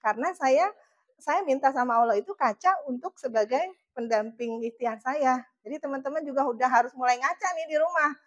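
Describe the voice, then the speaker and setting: A woman's voice: high-pitched, a little fast, lo-fi sound. A woman giving a casual, emphatic motivational training talk and laughing often. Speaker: motivational trainer for charity fundraisers.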